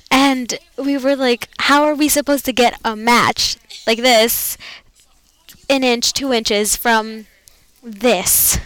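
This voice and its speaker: A woman's voice: on the high side, fairly bright tone, clean tone, no room sound, poor audio. A teenage girl co-hosting a podcast, telling a school story casually with fillers and small laughs. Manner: rambling, with fillers and little laughs. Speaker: co-host.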